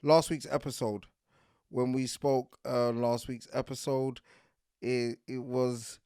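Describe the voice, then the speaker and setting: A man hosting a podcast, talking in an animated, insistent monologue and often checking that the listener follows him. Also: medium pitch, takes it slowly, clear, resonant tone, dry recording, studio quality. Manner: animated and insistent, keeps asking "do you get what I'm saying". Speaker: podcast host.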